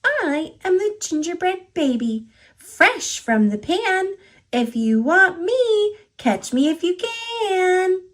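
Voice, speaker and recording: A woman's voice: very high-pitched, big pitch swings, slow pace, pitched above the performer's own voice, heavily acted. An American woman voicing a cheeky, boastful little gingerbread baby from a storybook, in a singsong taunting manner. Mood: taunting, playful.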